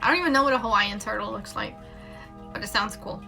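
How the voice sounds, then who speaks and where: Over music, a mother gives a casual, rambling live tarot reading, full of fillers and self-corrections. Her adult voice is gravelly and medium-pitched, and she talks quickly.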